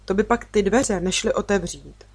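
A woman voicing Nala, a calm and wise girl who guides the narrator through dreams in a children's story, explaining things in a knowing way. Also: medium pitch, slightly rough, no room sound.

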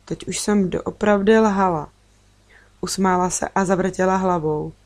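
Woman reading a kids story aloud in first person, steady and earnest. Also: on the low side. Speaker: audiobook reader.

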